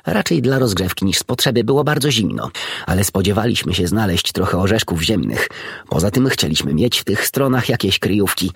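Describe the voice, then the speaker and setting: A man voicing a polite male badger with a toothache, in an audiobook reading, with a husky, low voice. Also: no room sound, clean studio sound, heavily acted.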